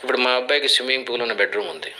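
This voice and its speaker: Older male life coach, very bright tense voice, preachy parable-teller, faint noise behind. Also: medium pitch, very fast, vocal fry, low-quality recording. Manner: preachy, teaching through parables. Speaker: guest speaker, life coach. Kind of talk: motivational interview talk.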